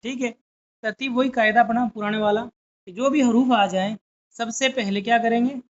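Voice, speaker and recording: An Urdu teacher with a fairly even, high-sided voice gives a classroom lesson, slowly sounding out letters and words one by one. She pauses often to check her students are following, and the recording is a bit dull and lo-fi.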